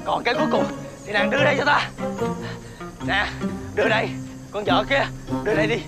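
An actor playing a feckless, cowardly young gambler son in a TV fairy-tale drama, with a whiny, stammering, pleading manner. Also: male voice, high-pitched, brisk, over loud music. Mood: demanding.

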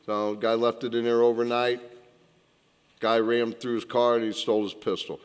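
Plainspoken council member, echoey chamber. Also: male voice, medium pitch, flat delivery, normal speed, clean tone. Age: middle-aged. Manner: plainspoken, repeats points for emphasis. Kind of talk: meeting report. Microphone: desk gooseneck mic.

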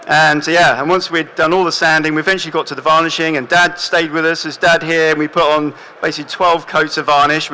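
Bright-voiced young man presenting on stage. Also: a little high, rough recording. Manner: relaxed, many fillers and restarts. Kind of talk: stage talk with slides. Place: large hall with audience.

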